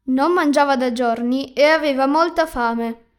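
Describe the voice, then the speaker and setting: Storybook reader, woman, high bright pitch, plain turn-taking read. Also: measured pace. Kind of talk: reading a story aloud.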